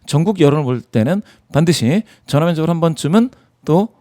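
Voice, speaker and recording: Appearing as a guest in a studio interview, a man walks through poll data with emphasis, posing rhetorical questions to himself. His voice sits on the high side, expressive and brisk, with a dark tone.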